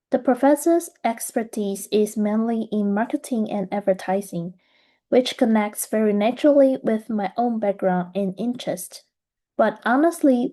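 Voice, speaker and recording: A young adult woman from Taiwan talks through her research journey in a steady, earnest presentation. Her voice is soft and mellow with a mid-range pitch. She sounds thoughtful and reflective throughout. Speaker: graduate student presenter. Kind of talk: scripted presentation.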